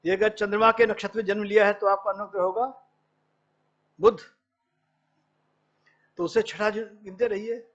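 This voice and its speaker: A man's voice: sits high, level tone, moderate pace, long pauses, fairly bright tone, highs cut off. A man giving a workshop lecture, explaining points step by step, quoting Sanskrit verses and asking an assistant for the next slides. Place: lecture hall.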